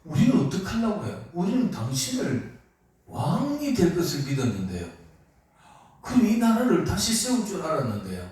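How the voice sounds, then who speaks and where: A man's voice: high voice, huge pitch swings, moderate pace, a little mellow, voice pushed up. A man voicing a desperate male disciple who pleads indignantly with his master. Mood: pleading. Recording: echoey hall, mic far off.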